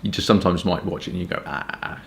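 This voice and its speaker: A man from Kent with a southern English accent, chatting informally and hesitantly in a rambling casual review, with stop-start pauses. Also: low-pitched, level tone, vocal fry, slight background noise. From Kent, England. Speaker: pipe tobacco reviewer.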